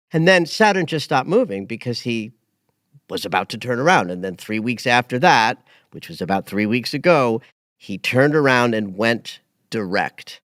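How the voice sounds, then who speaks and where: A man in his late fifties hosts an astrology podcast in a relaxed, conversational chat. He's expressive, climbing to emphatic highs and then slipping into quiet asides. The studio-quality recording is dry.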